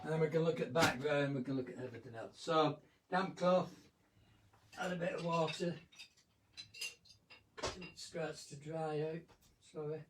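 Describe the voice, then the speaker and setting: A man's voice: fairly high pitch, a little slow, pauses often, distant mic, background noise. Man demonstrating painting in an echoey room. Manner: relaxed, rambling, self-correcting. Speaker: art instructor. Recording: roomy echo, off-mic.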